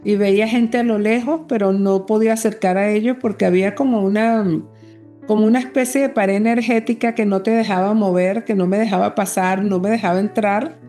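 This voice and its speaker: An earnest woman speaks as an interview guest, telling her story with feeling. Her voice is mellow and warm at a mid pitch, and she often slips into the remembered words of others as she goes. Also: steady tone, brisk, faint music behind. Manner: earnest and emotional, reenacting remembered dialogue. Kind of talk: personal testimony in an interview.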